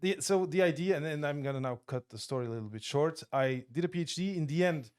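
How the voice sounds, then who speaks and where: A man's voice: fairly high pitch, fast, a little mellow, clean tone. Thoughtful man from Portugal, podcast guest. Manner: thoughtful, many restarts and fillers. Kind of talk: casual interview chat. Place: podcast studio.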